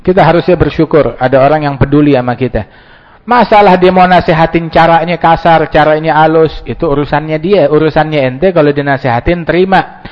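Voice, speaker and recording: A man preaching an Islamic sermon. He tells it as an animated story, acts out the dialogues, and mixes Arabic quotations with slang. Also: fairly high pitch, brisk. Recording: dull lo-fi sound with long hall reverb.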